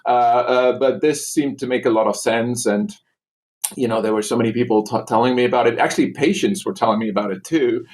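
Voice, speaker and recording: A man from Germany, a doctor talking about himself as a podcast guest, relaxed and full of "uh"s. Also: mid-range voice, brisk. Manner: relaxed, hesitant with many "uh"s. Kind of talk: casual interview chat.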